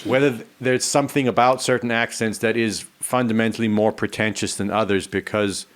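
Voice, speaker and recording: A man's voice: on the low side, little pitch movement, fairly quick. A man co-hosting a casual studio podcast, musing through half-serious questions. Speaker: podcast co-host.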